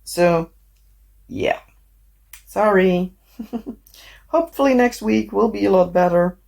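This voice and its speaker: Woman, hoarse from illness, gravelly fry, rambling casual craft-vlog chat, filler-heavy. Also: medium pitch, slow pace, darkish tone. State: hoarse from being sick. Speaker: crafting vlogger.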